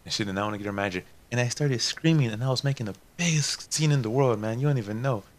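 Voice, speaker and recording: A man's voice: mid-range voice, fast. A young man telling viewers a casual, rambling story in a chatty, slangy way. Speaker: gaming channel host.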